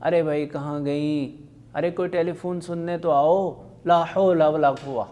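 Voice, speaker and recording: A man's voice: on the high side, steady tone, darkish tone, close to an everyday voice. A man playing a sick, irritable husband. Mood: weary.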